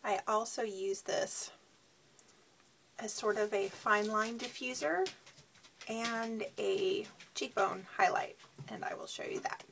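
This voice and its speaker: A woman giving a casual beauty product demo, sounding tired and sleep-deprived, with a husky, creaky voice. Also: medium pitch, slow pace, a bit bright, a little hiss or hum. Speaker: beauty reviewer.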